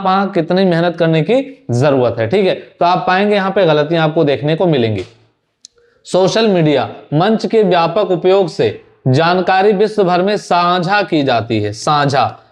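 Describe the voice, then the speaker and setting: A young man teaching exam translation in Hindi, going through a student's answer sheet in a chatty way, repeating words and dropping in English phrases. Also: a little high.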